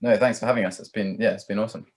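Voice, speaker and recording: In a lowish, steady-toned voice, a young musician talks very fast during a casual interview chat. He meanders and hedges, his sentences full of "like" and "kind of."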